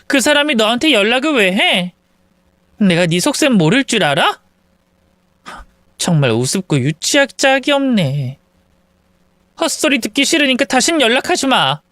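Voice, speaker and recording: A spiteful young mistress, as a woman narrator puts her on, sharp and scornful, her voice pitched up high and swinging wildly. The recording is clean and dry in this audio story. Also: very animated, normal speed, pauses often, dry recording.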